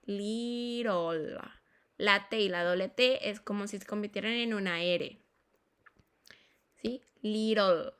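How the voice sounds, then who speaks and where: Smooth and a bit bright, her mid-range voice guides students through English pronunciation. She explains the phonetics at a slow, deliberate pace, spelling out sounds, repeating words and making sure students are with her.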